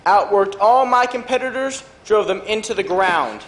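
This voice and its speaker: A man's voice: sits high, animated, normal speed, a bit bright, a little hiss or hum. A man performing a stage monologue as a boastful self-made banana businessman, talking in a brash, bragging way. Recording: echoey auditorium.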